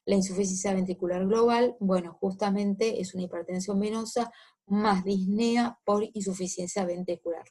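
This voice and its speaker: Female lecturer, mid-range voice, measured teaching delivery with hesitations and "eh" fillers. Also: medium pitch, steady tone, mellow. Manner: explanatory, with frequent "eh" fillers and check-ins. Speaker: medical lecturer. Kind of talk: recorded medical lecture.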